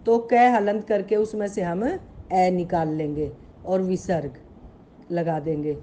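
A woman's voice: on the low side, fairly even intonation, measured pace, warm tone, a little hiss or hum. A woman teaching Sanskrit in an online grammar lesson. She patiently spells out sounds, asks her pupils questions and calls them beta. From Haryana, India.

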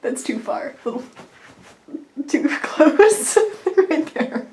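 A young woman works the camera and keeps up a teasing, giggly patter. Her voice is bright and high, close to the microphone in a small bathroom. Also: sing-song, takes it slowly, slight background noise. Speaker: camera operator. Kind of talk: casual chat.

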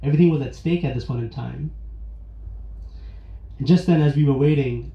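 A man from India telling a personal story live on stage, earnest and reflective, with pauses and restarts. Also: medium pitch. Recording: roomy, dull live venue recording.

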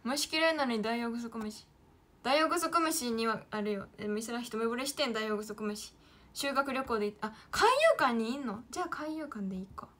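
Drawing on a livestream, a Kyoto girl in her late teens talks casually with her viewers and with herself, using her own name and speaking in the Kansai dialect of Kyoto, Japan. This chatty idol streamer has a fast, somewhat bright voice on the high side.

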